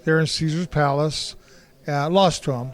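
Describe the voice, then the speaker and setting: A man's voice: fairly high pitch, moderate pace. A man in his sixties from Kansas City, a martial artist telling his life story in an interview, blunt and rambling with frequent restarts. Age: 60s.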